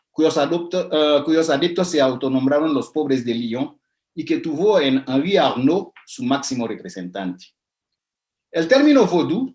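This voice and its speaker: A man lecturing over slides in a fairly high voice, talking his way through ideas with frequent "eh" and restarts. The sound carries a noticeable room echo. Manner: hesitant, many fillers and restarts, explanatory. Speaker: lecturer on religion. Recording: echoey room.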